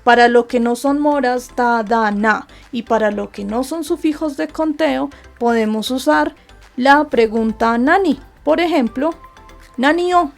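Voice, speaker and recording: Faint music plays under this Japanese teacher from Colombia as she presents a grammar lesson from slides. Speaking in a highish, creaky voice at a measured pace, she patiently raises rhetorical questions and then answers them.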